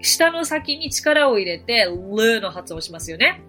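Bright, lively woman teaching English. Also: on the high side, a little slow, soft background music. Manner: friendly, encouraging, explains step by step. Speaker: English teacher and podcast host. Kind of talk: explanatory podcast lesson.

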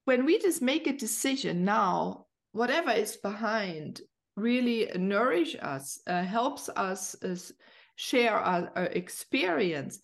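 Woman, podcast host, fry in the voice, gentle and searching spiritual talk. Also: mid-range voice, lively intonation, slow. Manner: gentle, searching phrasing with many fillers.

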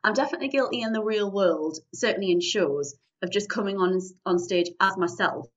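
A woman's voice: medium pitch, brisk. A woman from Newcastle with a northeast English Geordie accent, chatting casually as an interview guest about her performing. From Newcastle upon Tyne, northeast England. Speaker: guest, improv comedy performer. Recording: dull, distant-sounding lo-fi audio.

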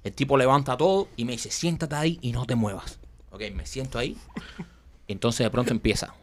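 A man's voice: mid-range voice, a little fast, a little hiss or hum. A man telling a funny story in casual chat, acting out the quotes and laughing often.

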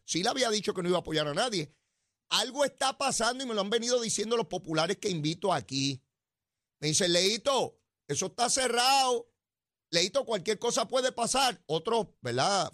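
An older man with a Puerto Rican accent, hosting a radio talk show and delivering animated political commentary, teasing and swinging between loud exclamations and low asides. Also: no echo, clean studio sound. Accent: Puerto Rican Spanish.

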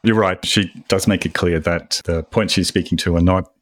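Aussie guy cohosting, really low voice, dry close mic, calm explaining. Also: moderate pace, no echo. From Australia. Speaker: podcast co-host. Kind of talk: casual discussion.

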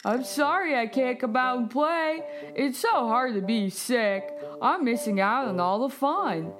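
A sick, bored young pup, played by a woman, talks in a slightly raised, unhurried voice. He stays folksy and polite through his cough, and music plays steadily behind him in this children's story podcast. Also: fairly high pitch, lively intonation. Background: background music.

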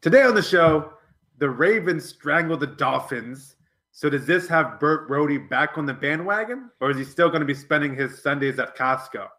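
A man's voice: a little high, lively intonation, moderate pace, sharp tone, slight background noise. A man hosting a sports talk podcast, joking and bantering with his co-hosts. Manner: showman intro, then joking banter. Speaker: podcast host. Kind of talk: casual sports talk chat.

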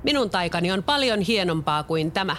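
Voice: medium pitch, animated, a bit bright, slight background noise, close to an everyday voice. A storyteller voicing a proud, smug magical fox in a storybook.

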